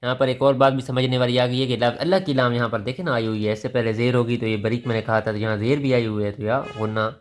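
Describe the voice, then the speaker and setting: A man with a Pakistani Urdu accent teaching Quran recitation. He patiently spells out each letter with its vowel mark, then slowly chants the verse. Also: medium pitch, level tone.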